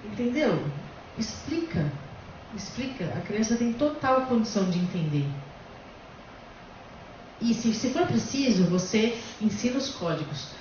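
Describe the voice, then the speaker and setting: A woman's voice: on the high side, expressive, measured pace, long pauses, a little mellow, slight background noise. A woman hosting a casual discussion, explaining bluntly and emphatically. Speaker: host. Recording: echoey, distant, dull lo-fi room.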